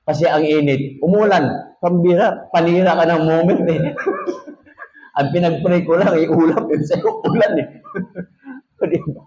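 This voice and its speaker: A man's voice: fairly high pitch, unhurried, pauses often, mellow, reverberant, lo-fi sound, a little hiss or hum. A man with a Filipino accent, a pastor preaching a sermon, telling jokey stories and reading scripture in English.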